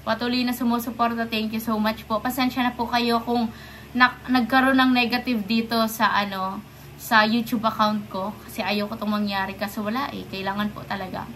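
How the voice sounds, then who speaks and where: Young woman, vlogger, from the Philippines, indignant, defiant, rhetorical questions, bright, faint hiss. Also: on the high side, flat delivery, a little fast. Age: young adult. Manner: polite yet defiant. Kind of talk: direct-to-camera rant.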